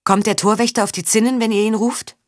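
A woman voicing a calm, determined young heroine in an audiobook. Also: a little high, quick pace, no echo, studio quality, voice pushed up, natural voice. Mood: resolute. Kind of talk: audiobook character voice.

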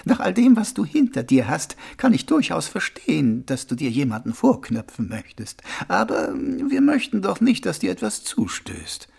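A man voicing a calm, wry old monk sweeper who speaks slowly and soothingly, in an audiobook character voice. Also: fairly high pitch, vocal fry, husky, voice pushed up, heavily acted. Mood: calm, amused. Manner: slow, gently amused, soothing.

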